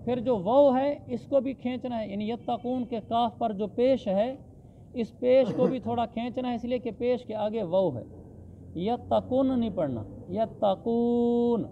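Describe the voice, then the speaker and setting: A man teaching Quran recitation, slowly drawing out verses and then explaining the rules plainly. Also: very high-pitched. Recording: dull lo-fi sound with faint background noise.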